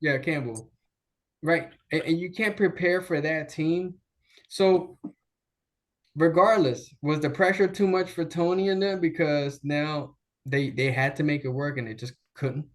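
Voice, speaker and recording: A man's voice: a little high, steady tone, measured pace. Man talking sports over a video call. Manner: opinionated, rambling with restarts. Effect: remote voice over a video call. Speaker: sports show co-host. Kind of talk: casual sports debate. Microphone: laptop video call.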